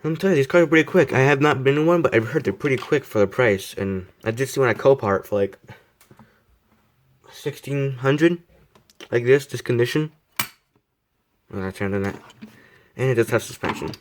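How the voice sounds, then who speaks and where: A man's voice: mid-range voice, moderate pace, long pauses. A young man casually reviewing a model car, rambling, repeating himself and poking fun at himself. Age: young adult. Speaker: die-cast model reviewer.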